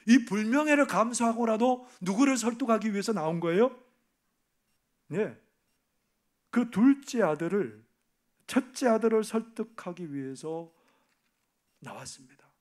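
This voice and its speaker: A man preaching a sermon on a parable, asking the congregation questions and acting out the characters' lines, dropping at times to a hushed near-whisper. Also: high-pitched, animated, measured pace, long pauses. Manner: asks the congregation questions and acts out the parable's voices; swings from loud emphasis to hushed, near-whispered asides.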